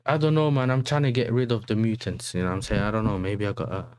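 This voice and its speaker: A man's voice: fairly low pitch, steady tone, quick pace, a little mellow, smooth, no echo. A man with an urban London roadman accent, hosting a casual football livestream in slangy talk full of tag questions. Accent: London, urban street style.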